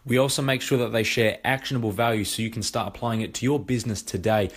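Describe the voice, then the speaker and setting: A man's voice: medium pitch, fairly even intonation, fast talker. A man hosting a business podcast, upbeat and chatty as he welcomes listeners and his guest. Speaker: podcast host. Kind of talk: casual interview chat.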